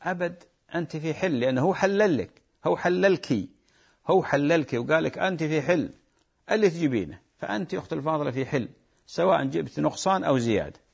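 Man, Gulf Arabic accent, religious call-in scholar, quick pace, husky and raspy, patient explanations. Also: fairly high pitch. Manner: patient, explanatory, repeats key points. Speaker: Islamic scholar answering listener questions.

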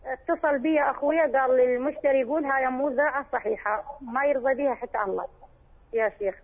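Heard through a tinny phone line, the caller is a woman with a high, husky voice who talks fast. She earnestly pleads as she asks a religious scholar her questions, addressing him as sheikh again and again.

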